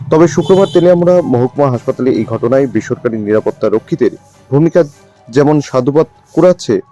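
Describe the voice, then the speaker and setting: A man's voice: mid-range voice, mellow. A man reading a scripted news report as a reporter's voice-over. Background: background music.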